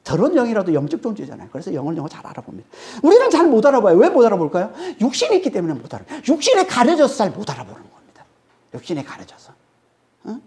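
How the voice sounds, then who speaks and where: A woman delivers an expository sermon in a mid-range, slightly mellow voice, talking rapid-fire with wildly swooping pitch. She is emphatic, repeats key phrases, and keeps checking in with her audience through a prompting "eh?".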